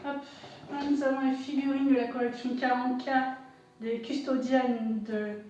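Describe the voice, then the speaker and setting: A woman's voice: high-pitched, level tone, moderate pace, dark tone, a little hiss or hum. A woman presenting an unboxing for her shop in casual commentary, hesitant, with many fillers and self-corrections. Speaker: shop owner unboxing products. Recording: echoey room, voice far from the mic.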